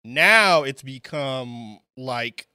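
Bright-voiced stammering man. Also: medium pitch, lively intonation, drawn-out words, clean tone, dry recording, clean studio sound. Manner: stammering, repeats words when making a point. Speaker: podcast co-host. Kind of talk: casual chat.

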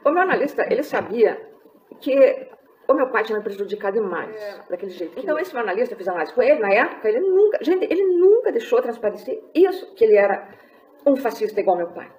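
A woman's voice: fairly high pitch, sing-song, fast talker, mellow. A middle-aged woman hosting a live stream, giving a confessional personal testimony and often checking in with her viewers. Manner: confessional, talks straight to viewers with tag questions.

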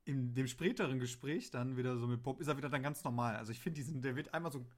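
A man talking in a loose, rambling way, filling his sentences with ums and ahs. He chats casually about a radio play. Now and then he slips into quick acted quotes. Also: medium pitch. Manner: rambling, many fillers, acts out quotes. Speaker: podcast co-host.

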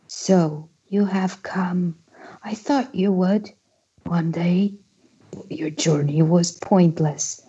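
A man voicing a frail, toothless old man who speaks in a weary, breathy whisper. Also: sits high, steady tone, very slow, mellow, dull audio, pitched above the performer's own voice, exaggerated voice.

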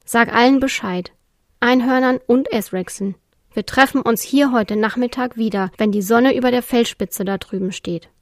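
A woman's voice: on the high side, normal speed, dry recording, studio quality, lightly acted. A woman reading aloud and voicing a grumpy male S-Rex who scolds and grumbles in an indignant way. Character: grumpy male S-Rex fussing over his bowling alley.

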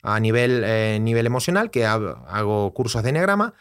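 A man with an Argentine accent, a guest telling his story in a relaxed, reflective interview with many restarts. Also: lowish voice, normal speed, smooth. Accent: Argentine Spanish. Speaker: guest, personal development teacher. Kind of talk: casual conversational interview.

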